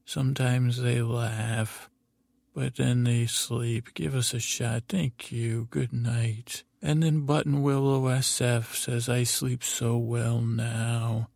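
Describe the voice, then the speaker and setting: A man hosting a sleep podcast in the calm, gentle, rambling manner of a bedtime story narrator. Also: medium pitch, slow pace, creaky, dry recording. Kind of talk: soothing bedtime sleep-story narration, saying good night to listeners.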